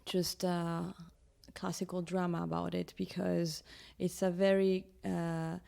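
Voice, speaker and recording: A woman's voice: fairly low pitch, little pitch movement, slow pace, creaky, mellow. A woman from Peru, a film director, talking in an interview and searching for words as she explains her ideas. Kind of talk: casual interview talk.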